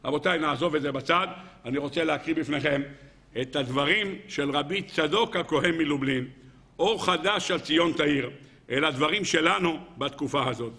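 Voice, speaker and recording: Rabbi teaching a Torah class, high and bright, animated storyteller with rhetorical questions. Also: male voice, vocal fry.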